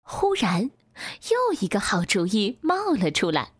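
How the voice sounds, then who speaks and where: A woman reading a children's bedtime story aloud in a slow, gentle storytelling manner. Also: medium pitch, huge pitch swings, husky, dry recording, studio quality.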